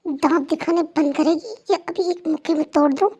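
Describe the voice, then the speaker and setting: A woman's voice: extremely high pitch, brisk, darkish tone. A jealous, short-tempered young wife, as a woman puts her on. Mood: exasperated. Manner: scolding and exasperated. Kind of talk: fan story role-play.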